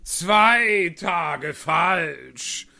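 A man's voice: fairly high pitch, wildly swooping pitch, takes it slowly, creaky, sharp tone, full character voice. A man playing a grumpy, fussy male Hatter in an audiobook reading, curt and scornful. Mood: grumbling.

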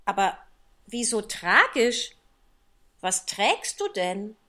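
A man's voice: high voice, big pitch swings, slow, sharp tone, voice pushed up, full character voice. A man voicing a polite, curious and eager little girl in an audiobook reading. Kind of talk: audiobook character voice.

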